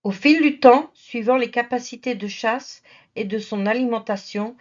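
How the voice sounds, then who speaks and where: A woman's voice: a little high, normal speed, highs cut off. A woman narrating a nature documentary in a familiar, teasing storytelling manner. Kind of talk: nature documentary narration, playful asides to the viewer.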